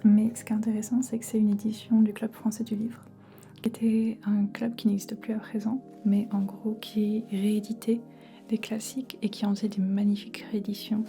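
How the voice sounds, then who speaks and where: A woman whispers softly, as if in a library, in a casual ASMR style. Her voice is breathy and mellow, staying very even in pitch. She talks informally, with music playing behind her. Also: normal speed. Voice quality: soft, breathy unvoiced whisper. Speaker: ASMR creator.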